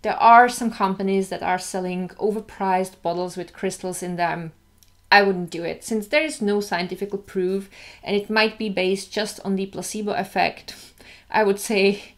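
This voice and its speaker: Chatty woman vlogger, candid and easygoing. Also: mid-range voice. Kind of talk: casual vlog talk.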